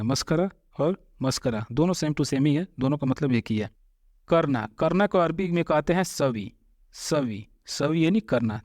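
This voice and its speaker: A man teaching a spoken Arabic lesson. He says each phrase twice, slowly, then explains it word by word. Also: a little high, darkish tone, dry recording, clean studio sound. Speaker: language teacher.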